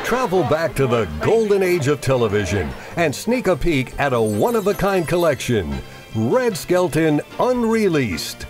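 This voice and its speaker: A male announcer delivers a hard-sell ad script with emphatic promotional flair. His voice sits a little high and swings widely in pitch. Music plays clearly behind him. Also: wildly swooping pitch, a little slow. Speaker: infomercial announcer.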